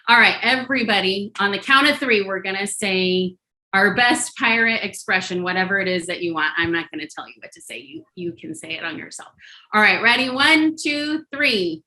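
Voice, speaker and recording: Bright-voiced woman coaching a group call. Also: mid-range voice, low-quality recording. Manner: chatty and encouraging, many fillers and restarts. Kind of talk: casual coaching talk to a group.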